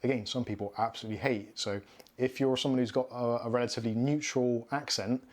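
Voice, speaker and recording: In a home studio lined with shelves and neon signs, a Bristolian man in his thirties from southwest England hosts a casual live Q&A, chattily reading out viewer comments and answering them. His mid-range voice is steady, and he talks fast.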